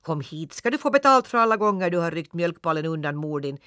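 A man's voice: high voice, clear, resonant tone, no room sound, studio quality, pitched above the performer's own voice, natural voice. A man voicing a herd of angry farm cows, bellowing threats in a storybook reading. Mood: furious. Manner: loud, bellowing and scolding. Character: bossy male farm cows, angry and vengeful.

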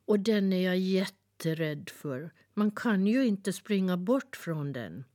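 A woman's voice: fairly low pitch, lively intonation, dark tone, voice pushed up, natural voice. A woman voicing a curious, frightened little boy as she reads a storybook aloud, asking eager questions. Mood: earnest. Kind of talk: storybook reading.

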